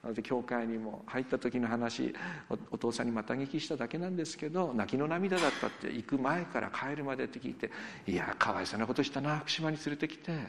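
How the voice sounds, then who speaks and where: A middle-aged male pastor preaching a sermon in a church, animated, swinging between loud emphatic lines and quiet asides. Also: medium pitch, fast talker, hardly any pauses, slight background noise. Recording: long hall reverb.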